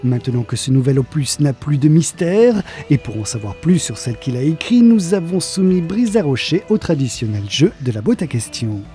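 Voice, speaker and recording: A man reading a scripted voice-over narration in a smooth, even way, over soft music. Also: on the high side, normal speed, hardly any pauses. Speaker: narrator of the segment.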